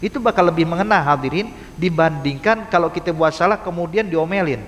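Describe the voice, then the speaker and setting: A man's voice: on the high side, fairly quick, fairly bright tone, a little hiss or hum. A man giving a casual, conversational sermon in a mosque, often calling out to his audience and acting out quoted speech. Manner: casual Jakarta-style slang, addresses audience as hadirin. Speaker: preacher. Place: mosque hall. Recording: reverberant mosque hall.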